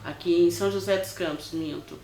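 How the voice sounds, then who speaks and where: A woman's voice: on the low side, steady tone, brisk, creaky, mellow, reverberant. An older woman with a São Paulo state Brazilian accent, telling a personal story in an interview. She acts out the voices she quotes and keeps adding short tag questions. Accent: Brazilian Portuguese, São Paulo state. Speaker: interviewee, widow. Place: her home, indoors.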